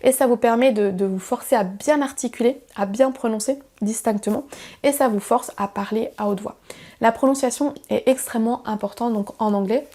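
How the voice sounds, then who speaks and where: A young woman with a fairly high but mellow, darkish voice gives a YouTube language lesson. She explains step by step, often pausing on fillers and correcting herself mid-sentence. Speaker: English teacher.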